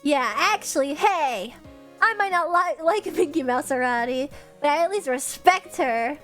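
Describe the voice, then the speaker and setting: A woman's voice: high-pitched, expressive, unhurried, fairly bright tone, faint music behind. A young woman streamer with a stuffed-up nose, chatting and giggling as she reads fan messages. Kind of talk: casual live-stream chat.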